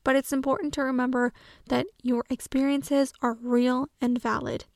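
A woman giving self-help advice in a calm, earnest, measured monologue. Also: high voice, no echo, studio quality.

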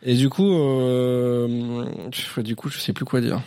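A man's voice: medium pitch, fairly even intonation, takes it slowly, dark tone, smooth. A tipsy man chatting casually on a podcast, hesitant and full of fillers, sitting close to a table mic. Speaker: podcast co-host. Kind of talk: casual chat. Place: room at home around a table.

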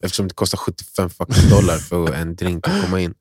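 A young man co-hosting a podcast, telling a story in a rambling, animated way with bursts of laughter. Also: sits low, husky, dry recording, studio quality. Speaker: podcast co-host. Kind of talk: casual storytelling chat.

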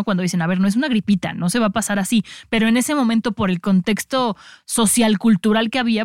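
Mujer mexicana de habla rápida. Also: female voice, medium pitch, dry recording, clean studio sound. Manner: quick, conversational, frequent back-channel. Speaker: podcast co-host. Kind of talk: casual chat reviewing series.

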